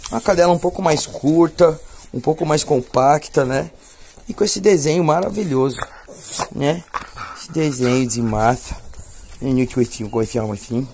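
A man's voice: a little high, moderate pace, darkish tone, slight background noise. A man with a Brazilian Portuguese accent, a dog breeder chatting playfully with viewers and cooing baby talk to his dogs outdoors at a kennel. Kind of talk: casual vlog.

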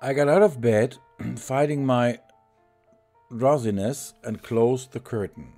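Brief: German-accented male streamer reading a story game, dark and mellow tone, faint game music underneath. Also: medium pitch. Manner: slow reader who chuckles and corrects himself. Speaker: let's play streamer. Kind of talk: reading game text aloud with commentary.

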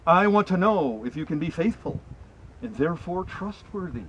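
Reciting poems to a small outdoor group in a wooded spot, this middle-aged man presents with earnest, deliberate, emphatic phrasing. His voice sits high, expressive and fairly bright, with a slightly rough edge. A camera mic a few meters away records somewhat muffled audio with faint ambient noise.

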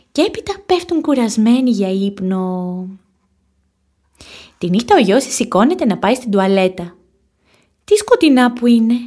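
A woman narrating a children's storybook, expressive and animated. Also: a little high. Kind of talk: storybook reading.

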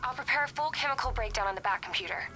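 Actress as brisk female support operative. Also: sits high, lightly acted. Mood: businesslike. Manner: efficient, businesslike. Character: brisk, capable young female radio support ally. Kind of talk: video game voice acting. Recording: loud game music and engines behind.

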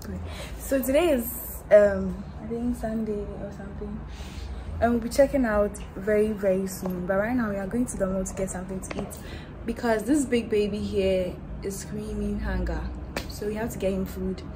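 A woman's voice: medium pitch, steady tone, moderate pace. A young woman from Ghana chatting casually to viewers in a vlog, playful and talkative. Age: 20s. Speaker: vlogger. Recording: music and crowd noise behind.

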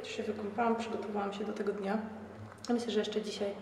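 A woman's voice: little pitch movement, fast, darkish tone. A woman in her twenties from Poland chatting casually to her camera in an offhand, slangy, rambling way. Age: 20s. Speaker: vlogger. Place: outdoors on streets and platform, aboard a train. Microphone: camera microphone at arm's length. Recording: noisy handheld camera, traffic and travel rumble.

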